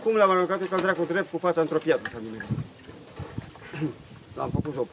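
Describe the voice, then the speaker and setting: A man's voice: fairly high pitch, lively intonation, a bit bright, a little hiss or hum. A man telling a rambling story in casual chat, swearing freely, repeating himself and restarting his sentences. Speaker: interviewee.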